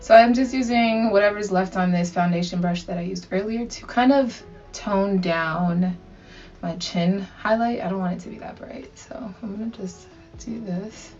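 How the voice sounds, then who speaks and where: With a medium-pitched, darkish voice at a moderate pace, a young woman chats chummily to viewers in slang during a casual makeup tutorial. The audio is dull, recorded on a distant mic with music in the background.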